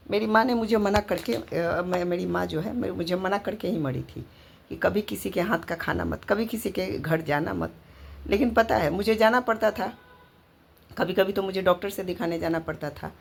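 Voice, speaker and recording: A woman's voice: mid-range voice, a little mellow. A woman vlogger from Bihar in her thirties, talking emotionally to her viewers, indignant and lamenting, with many fillers and restarts. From Bihar, India. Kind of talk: emotional monologue to camera.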